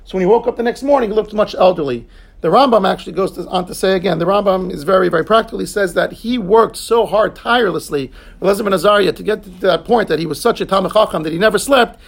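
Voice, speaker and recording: A man with a high, creaky voice teaches a Talmud class. He explains each term in English and tosses quick asides to his students as he answers them.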